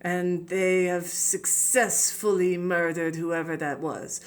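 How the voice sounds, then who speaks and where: A woman's voice: lowish voice, level tone, slow. A young woman telling a story playfully, with joking asides and whispered side comments. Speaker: student in a telephone game.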